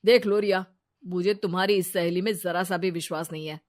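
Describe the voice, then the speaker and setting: A woman's voice: fairly low pitch, steady tone, fairly quick, natural voice. Woman voicing a blunt, suspicious husband. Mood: stern. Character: adult man, worried husband.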